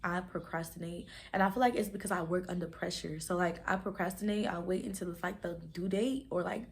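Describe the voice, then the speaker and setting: Rambling young woman vlogger, lowish voice. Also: fairly even intonation. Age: 20s. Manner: fast rambling talk, stumbles over words; many "like" fillers. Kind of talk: casual chat to camera.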